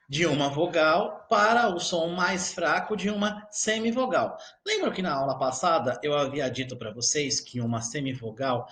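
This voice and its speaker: A man's voice: on the high side, fairly bright tone. Brazilian man teaching a grammar lesson. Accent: Brazilian Portuguese. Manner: explains slowly, checks in often with the class. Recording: echoey room.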